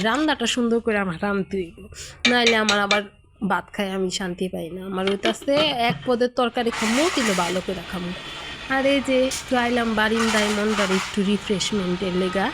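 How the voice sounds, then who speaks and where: A woman from Bangladesh with a Munshiganj Bengali dialect, chatting casually to her viewers as a cooking vlogger and often checking they follow along. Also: a little high. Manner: chatty, keeps asking viewers "right?". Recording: home video with clear background noise.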